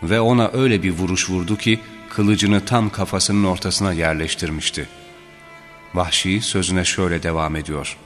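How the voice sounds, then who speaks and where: Deep-voiced man reading solemn religious history. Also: steady tone, moderate pace. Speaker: narrator. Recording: reverberant with faint background music.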